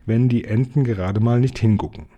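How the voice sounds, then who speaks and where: A man's voice: medium pitch, fairly quick, dull audio, lightly acted. A man doing a bossy bird father. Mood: firm. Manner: bossy, giving orders. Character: proud fussy father turned into a bird.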